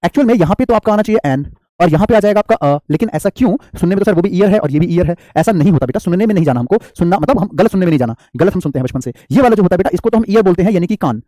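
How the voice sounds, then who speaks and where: A man's voice: high voice, mellow, dry recording, clean studio sound. A man teaching an English grammar class, explaining patiently and asking his students questions. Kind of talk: classroom lesson.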